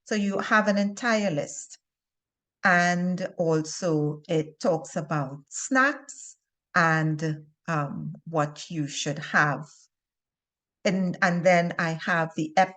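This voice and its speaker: Speaking with a Trinidadian accent in a fairly low, slightly bright voice, this woman from Trinidad and Tobago presents health and wellness videos. Her informal instructional talk to viewers is deliberate, with key words emphasized.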